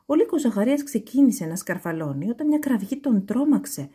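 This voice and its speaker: A woman reading a children's story aloud in an expressive, animated way. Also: a little high, husky.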